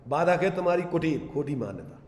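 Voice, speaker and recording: A man giving a Jain scripture discourse, asking his listeners rhetorical questions and slowly chanting verse lines. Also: a little high, very animated, darkish tone. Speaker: Jain religious teacher. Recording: echoey hall.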